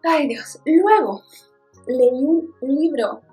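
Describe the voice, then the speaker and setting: A woman's voice: high-pitched, expressive, very slow, warm tone, faint music behind. A woman with a Mexican accent, a book vlogger chatting casually and expressively about her reading, with playful asides. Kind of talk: casual book review chat.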